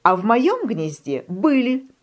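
A woman voicing a frightened, whiny lost little duckling in a high, squeaky, whining voice for a children's storybook reading. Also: big pitch swings, takes it slowly. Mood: pleading.

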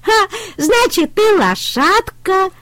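A woman voicing a flock of small teasing ducklings in a storybook reading, with high squeaky quacking. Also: big pitch swings, slow, fairly bright tone, dry recording, full character voice.

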